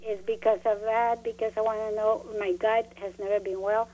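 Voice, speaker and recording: A woman calling in to a radio talk show over a phone line, talking in a halting, rambling way with many fillers. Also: mid-range voice, level tone, mellow. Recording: muffled phone line with faint noise.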